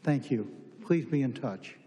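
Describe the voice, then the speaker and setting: A man with a dark, mellow voice of middling pitch chairs a formal meeting. He phrases things courteously with pauses, and the chamber adds a long reverb. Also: lively intonation, a little hiss or hum. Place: large indoor council chamber. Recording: reverberant hall sound.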